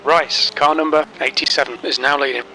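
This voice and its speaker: A man doing an automated race spotter who gives terse, clipped radio calls in a flat, businesslike way. The voice is very bright and sharp-edged. A faint hiss of noise sits underneath. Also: on the high side, brisk, low-quality recording.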